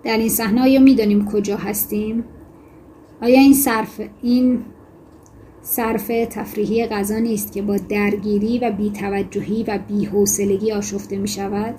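A woman teaching a lesson on fiction writing, explaining in a conversational way with self-corrections and reading passages aloud in a measured voice. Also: mid-range voice, level tone, mellow, slight background noise. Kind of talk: lecture on fiction writing with read-aloud excerpts.

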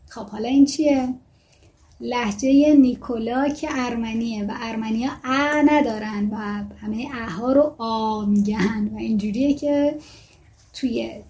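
Woman, native Gilaki speaker, mellow tone, relaxed lesson delivery with fillers and restarts. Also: fairly high pitch. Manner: chatty, thinking aloud with fillers and self-corrections. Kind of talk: casual lesson, reading book excerpts aloud.

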